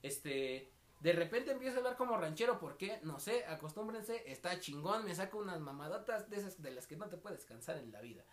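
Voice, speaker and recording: A man's voice: sits high, lively intonation, a little fast. A young man with a Mexican accent, co-hosting a casual podcast and telling anecdotes with slang, acting out the voices of the people he quotes. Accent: Mexican Spanish. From State of Mexico. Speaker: podcast co-host.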